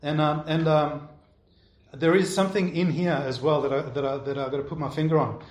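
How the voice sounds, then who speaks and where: Conversational pastor in a roomy room. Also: male voice, a little high, steady tone, brisk, darkish tone. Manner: conversational, keeps checking in with "all right?". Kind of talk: sermon answering congregation questions. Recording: roomy echo.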